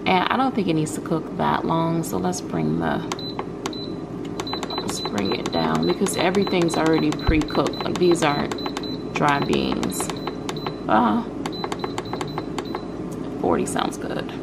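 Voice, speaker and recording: Cooking at home for her vlog, a thirtysomething woman thinks aloud in casual chat, her deep, gravelly voice moving slowly with huge pitch swings and frequent pauses. The indoor kitchen recording from the camera is very noisy.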